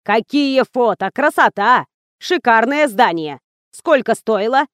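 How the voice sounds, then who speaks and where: A shrill, scheming old village woman scolds in a loud, slow, accusing way, as a woman reader puts her on. Her voice sits fairly high. The sound is dry and close. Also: animated, no room sound. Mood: scolding.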